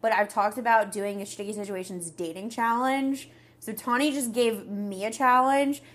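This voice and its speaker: A woman's voice: fairly high pitch, normal speed, fairly bright tone. A young woman hosting a podcast, chatting frankly and casually with many fillers. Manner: chatty, frank about dating, lots of fillers. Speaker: podcast host. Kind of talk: casual chat.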